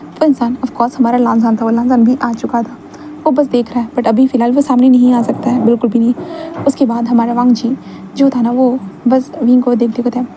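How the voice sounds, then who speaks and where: A woman's voice: on the high side, little pitch movement, fairly quick, noisy background. A woman narrating a fan fiction romance in a chatty, conversational way, like retelling it to a friend. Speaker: storyteller. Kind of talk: casual story narration.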